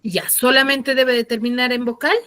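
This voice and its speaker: A woman teaching an online class, asking her students question after question and explaining slowly with emphasis. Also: fairly high pitch, steady tone, pushed and bright, no echo.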